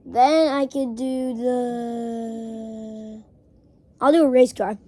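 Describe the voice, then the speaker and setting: High-pitched woman chatting casually. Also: steady tone, drawn-out words, dark tone, no room sound. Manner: informal, offhand, talking to viewers between mouth-made sound effects. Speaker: online video creator. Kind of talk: casual chat.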